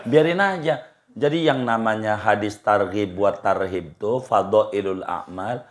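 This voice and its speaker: A man's voice: lowish voice, measured pace. Guy teaching religion, laid back, chatty, keeps repeating himself. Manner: easygoing, colloquial, repeats phrases, chuckles. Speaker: Islamic cleric answering questions. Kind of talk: religious study talk, informal Q&A.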